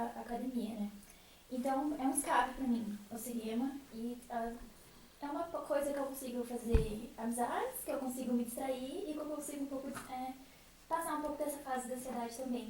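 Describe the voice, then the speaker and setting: A shy, nervous young Brazilian woman, a student in a theatre group, casually shares her own experience with the group. Her voice sits high with a darkish tone, captured by a distant mic in a very echoey room with faint noise.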